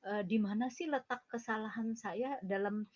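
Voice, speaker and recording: A woman's voice: a little high, moderate pace, darkish tone, lo-fi sound. A woman hosts an interview, asking long questions with many hesitant "eh" fillers. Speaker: interview host. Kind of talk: hosting an interview.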